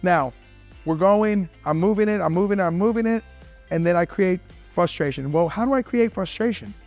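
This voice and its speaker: This is a man with a notably high speaking voice who teaches dog training. He walks viewers through each step in a friendly coaching way, throwing in "right?" and "okay?" as he goes. Soft music plays faintly behind him. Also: normal speed. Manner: upbeat coaching talk, often checks in with "right?" and "okay?"; praises and commands the dog mid-session. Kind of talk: instructional training video.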